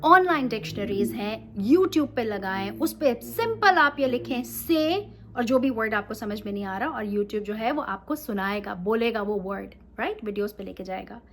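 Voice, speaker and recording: Woman teaching English, lively. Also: a little high, moderate pace, hardly any pauses, a little hiss or hum. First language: Urdu. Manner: mixes Urdu with English phrases, checks in with listeners. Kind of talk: casual instructional talk.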